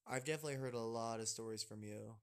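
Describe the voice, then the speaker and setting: A relaxed man co-hosting a casual chat podcast from home. He talks at an easygoing, mid-range pitch, laughs a lot and often trails off before restarting a thought. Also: fast, clean tone. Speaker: podcast co-host.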